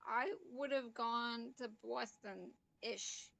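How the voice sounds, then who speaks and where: A playful woman chats loosely on a board game stream. Her voice sits on the high side for a woman. A faint hiss runs underneath. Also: slow pace, creaky, fairly bright tone. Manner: playful, chatty, lots of "like". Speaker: stream host. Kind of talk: casual chat on a game stream.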